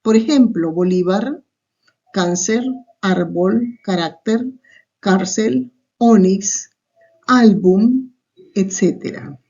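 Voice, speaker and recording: A woman's voice: mid-range voice, drawn-out words, long pauses, dark tone. A woman teacher with a Salvadoran Spanish accent, giving a recorded online class and explaining step by step, often tagging on a questioning aside. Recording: muffled lo-fi recording.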